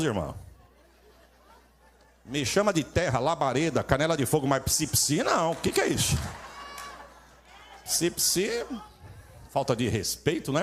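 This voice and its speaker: A man with a Brazilian accent preaching as a traveling pastor. He tells funny stories in an animated way and acts out the dialogue in different voices. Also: fairly high pitch. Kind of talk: humorous storytelling sermon.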